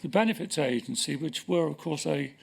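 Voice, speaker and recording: An older man answering questions as a witness at a formal hearing, measured and hesitant, pausing often. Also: fairly high pitch, vocal fry, breathy edge. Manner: measured, hesitant, with many pauses. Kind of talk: formal testimony. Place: inquiry hearing room.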